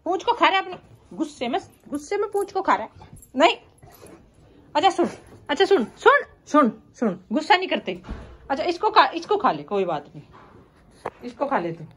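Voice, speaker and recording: Woman sweet-talking her dog, very lively pitch. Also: normal speed, long pauses. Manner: coaxing, soothing baby talk to a dog. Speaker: dog owner. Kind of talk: casual talk to a pet.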